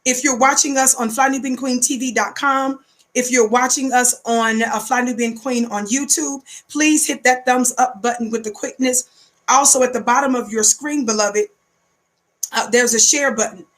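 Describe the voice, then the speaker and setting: A woman's voice: fairly high pitch, fairly even intonation, normal speed, a bit bright. A woman with an American accent hosts a livestream talk show, addressing viewers emphatically and repeating phrases in a preacherly call-out manner. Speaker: online show host and broadcaster.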